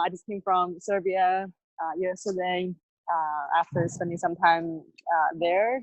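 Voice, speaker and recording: A woman life coach as an interview guest, lively, laughing often, with fillers. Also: lowish voice, no room sound, lo-fi sound. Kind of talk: casual interview. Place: near a construction site.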